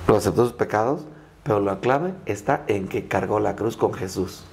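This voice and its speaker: A man's voice: lowish voice, normal speed, a little mellow. A middle-aged male priest speaking earnestly in a conversational interview, telling his story with frequent restarts. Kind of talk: conversational podcast testimony.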